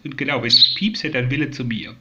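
A man talking softly and doting to a young sparrow he is raising, coaxing it and explaining to viewers in a casual home video. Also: mid-range voice, lively intonation, brisk, muffled recording, very noisy. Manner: coaxing, soft and doting, often dropping to a whisper. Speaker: vlogger raising a rescued sparrow. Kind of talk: casual talk to a bird and viewers. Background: sparrow chirping.

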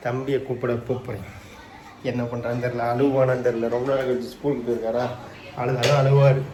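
A man's voice: mid-range voice, level tone, fast. A man chatting casually at home as a vlogging father, easygoing and coaxing with his child. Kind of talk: casual family chat. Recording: noisy home recording.

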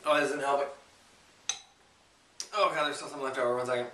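A man's voice: mid-range voice, steady tone, a little fast, bright, forceful tone, slight background noise. A man chatting casually to camera in an informal, self-deprecating, joking way as a challenge vlogger. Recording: roomy echo, distant microphone.

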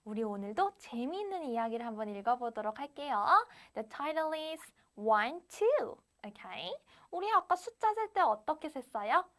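A young adult woman teaching English to young children online, counting aloud and mixing slow, sing-song English with Korean explanations. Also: sits high, sing-song, fairly bright tone. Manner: counts aloud with rising emphasis. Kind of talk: online class for young learners.

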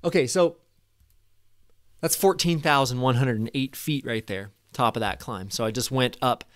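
A man in his thirties giving a casual, excited commentary over a replay of his own flight, at a desk microphone in a small room. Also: medium pitch, normal speed, no room sound, studio quality. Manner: enthusiastic, casual, swears when excited. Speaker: paragliding vlogger. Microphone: desk microphone in front.

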